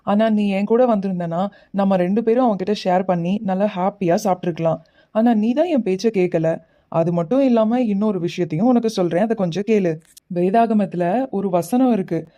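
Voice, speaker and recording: A woman voicing a kind schoolboy in a kids' puppet show, patient and gently preaching. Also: mid-range voice, highs cut off, lightly acted. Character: kind gentle schoolboy Mike who shares. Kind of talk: kids puppet show acting.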